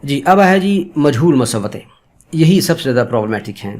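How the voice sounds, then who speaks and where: A man giving an online pronunciation lesson, explaining patiently and repeating example sounds slowly, politely addressing viewers as friends. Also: mid-range voice, very animated, darkish tone. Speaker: Urdu pronunciation teacher.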